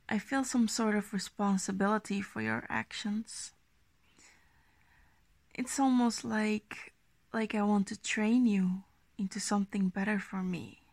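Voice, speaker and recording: A woman doing an ASMR role-play as an affectionate, gently dominant girlfriend, speaking slowly and intimately in a coaxing half-soft voice. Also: medium pitch, no echo. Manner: slow, breathy, intimate, soft-spoken, coaxing.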